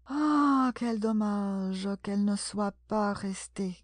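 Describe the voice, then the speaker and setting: A woman's voice: medium pitch, little pitch movement, measured pace, a little mellow, no echo, close to an everyday voice. A woman reading aloud and voicing a polite, sighing lory bird in a storybook. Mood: wistful.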